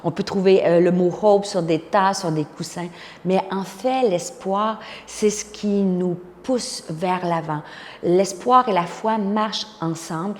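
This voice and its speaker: A pastor and conference speaker from Quebec, a woman in her fifties with a Québécois accent, offers encouraging words through her personal testimony. Her medium-pitched voice runs a little slow, echoing with long hall-like reverb.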